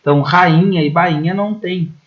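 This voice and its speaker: A man's voice: high voice, normal speed. A Brazilian man, a Portuguese teacher, explains grammar rules step by step, often checking in with "né?". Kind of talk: recorded online grammar lesson. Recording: slightly muffled lo-fi audio.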